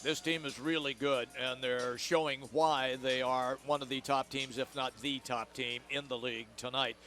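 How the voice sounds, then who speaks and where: A man calling arena football play-by-play on radio, brisk and descriptive. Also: mid-range voice, fairly even intonation, sharp tone, soft background music. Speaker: play-by-play announcer. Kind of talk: radio sports commentary.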